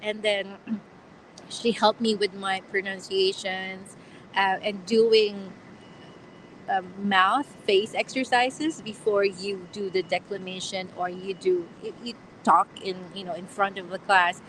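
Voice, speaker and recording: A woman's voice: medium pitch, steady tone, takes it slowly, a bit bright, a little hiss or hum, poor audio. A young woman hosting a casual live question-and-answer stream outdoors, chatty, with frequent laughs and fillers. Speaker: livestream host. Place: outdoors on a platform.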